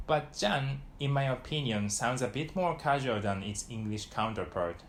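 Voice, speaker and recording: A young Japanese man who teaches language gives a calm, scripted lesson to camera, speaking with a Japanese accent in a mid-range voice. His Japanese example phrases come out louder and quicker. He is recorded on a lapel mic in a small room, with a little hiss or hum.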